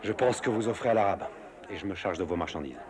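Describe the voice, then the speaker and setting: An actor playing an adventurous sea captain who is polite, brisk and quick-witted. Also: male voice, fairly low pitch, a crowd in the background, close to an everyday voice. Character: adventurous middle-aged male smuggler-captain.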